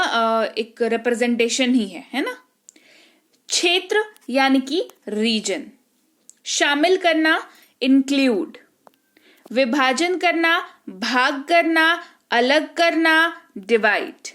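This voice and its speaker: A woman teaching a vocabulary lesson, reading each Hindi word and then its English meaning slowly and deliberately, checking in with the learners now and then. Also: high-pitched, fairly bright tone. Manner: explains with rising checks.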